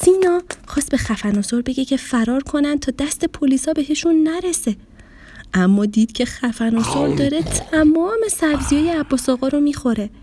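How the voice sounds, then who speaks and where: A woman's voice: high-pitched, a little hiss or hum. A woman narrating a storybook for children and speaking affectionately to young listeners. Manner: warm, affectionate sign-off to kids. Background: music.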